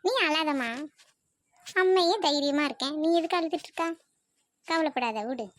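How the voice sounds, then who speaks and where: A woman voicing a weary, sharp-tongued middle-aged mother in a cartoon. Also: high voice, lively intonation, moderate pace, no echo, pitched below the performer's own voice. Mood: scolding. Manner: scolding, weary.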